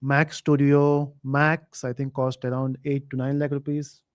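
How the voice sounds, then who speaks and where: A man hosting a live online quiz, reading chat comments aloud and thinking out loud with fillers. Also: mid-range voice, flat delivery, measured pace. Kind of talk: casual live stream chat.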